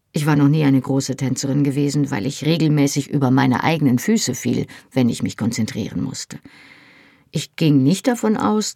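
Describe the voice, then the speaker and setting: Measured first-person audiobook narration, husky voice with some gravel. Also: medium pitch, darkish tone, no echo, clean studio sound. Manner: measured, storytelling. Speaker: audiobook reader.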